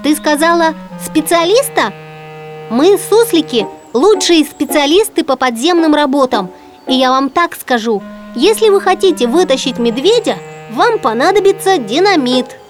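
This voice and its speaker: Woman doing a shrill, boastful gopher. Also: expressive, moderate pace. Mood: gleeful. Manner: eager, boastful. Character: boastful explosive-loving male gopher. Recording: music playing behind.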